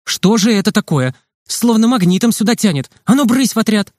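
A man's voice: sits high, level tone, fairly quick, darkish tone, no room sound, studio quality, pitched above the performer's own voice, lightly acted. A man reading aloud voices a female camp nurse who scolds the boys and then explains things patiently. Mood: scolding.

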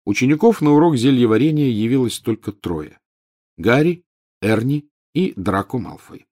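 A man reading an audiobook aloud in an even, measured narrating style. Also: medium pitch. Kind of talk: scripted narration.

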